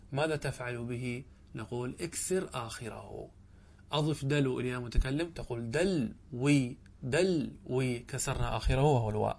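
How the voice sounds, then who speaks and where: A man's voice: mid-range voice, slight background noise. A man giving a classroom grammar lecture, repeating examples and quizzing his students. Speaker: teacher of Arabic grammar.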